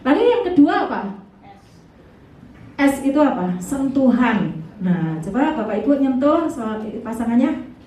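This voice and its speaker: A woman's voice: high voice, very animated, a little slow, pauses often, dark tone. A woman evangelist with an East Javanese accent gives a chatty, humorous sermon to married couples and asks the audience questions. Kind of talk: lively sermon to a couples' fellowship. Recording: echoey hall from far off with faint background noise.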